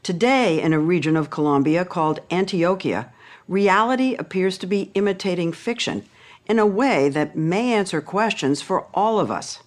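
A woman narrates a television news report in a slightly low voice. She reads the script in a measured, grave way. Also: expressive. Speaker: news correspondent.

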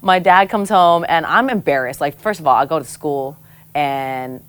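A woman from Samoa with a notably low speaking voice tells personal stories as a podcast guest. She is candid and animated, laughs easily and drops casual swears without hesitation. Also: moderate pace, clean tone. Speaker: guest, former show host. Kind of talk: candid conversational storytelling.

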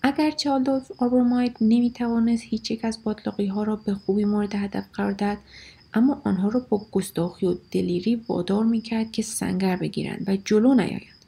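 A woman reads a storybook aloud in a dark, gravelly voice with a husky edge. She turns expressive, sinking to whispers and lifting her voice for the shouted lines. Crickets chirp faintly behind her. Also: medium pitch.

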